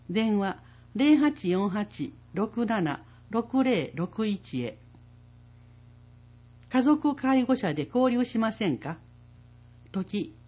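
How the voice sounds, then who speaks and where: Female announcer for city notices, unhurried, soft husky tone, lively pitch. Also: lo-fi sound. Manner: measured, reads phone numbers slowly. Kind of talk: municipal public service announcements.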